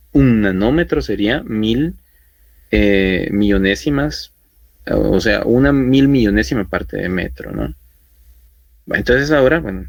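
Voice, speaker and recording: A man's voice: lowish voice, gravelly, no room sound. A man teaching a chemistry class, explaining step by step with frequent tag questions and fillers. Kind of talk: online class lecture.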